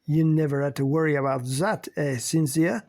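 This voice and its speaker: A man voicing Pascal, a sharp-tongued, flirtatious woman who mocks and cuts with cool scorn, in an audiobook. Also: fairly high pitch, moderate pace. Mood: mocking. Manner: mocking, cutting.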